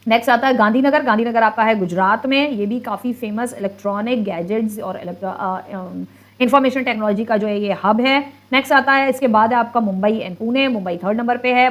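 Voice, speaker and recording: Indian lady teacher, 30s, slightly high voice, patient, keeps saying okay. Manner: explains patiently, repeats "ठीक है" often, reads English lines slowly. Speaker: social studies teacher. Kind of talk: online lesson, mixing Hindi and English.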